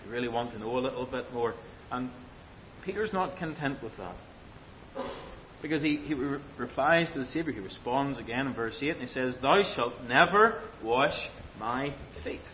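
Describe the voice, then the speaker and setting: A preacher gives an animated expository sermon, emphatic and deliberate, relying on repetition and rhetorical questions. The recording is dull and lo-fi, with a faint rumble underneath.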